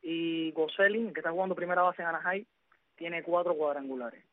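A man's voice: fairly high pitch, steady tone, fairly quick, no echo. A man hosting on sports radio, going methodically through baseball results with frequent "eh" fillers. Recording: dry, phone-like narrow sound.

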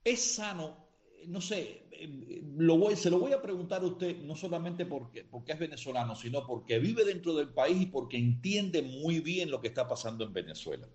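Rambling radio co-host in a roomy studio. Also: male voice, on the high side, lively intonation, a little mellow. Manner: rambling, halting questions. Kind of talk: radio interview questions.

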